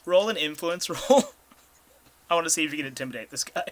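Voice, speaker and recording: A man's voice: a little high, animated, fast talker, slight background noise. A man casually narrating a tabletop game as its game master.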